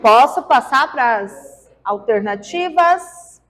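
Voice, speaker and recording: A woman's voice: a little high, animated, takes it slowly, a bit bright, in a large hall. A woman teaching biology, running a quiz with her class and coaxing answers out of the students in a playful way. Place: large classroom.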